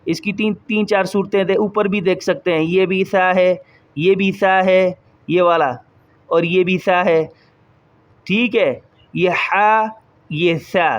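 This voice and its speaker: A man teaching children to read the Quran, drawing out each letter sound and repeating it for them to copy. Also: high-pitched. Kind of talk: children's recitation lesson.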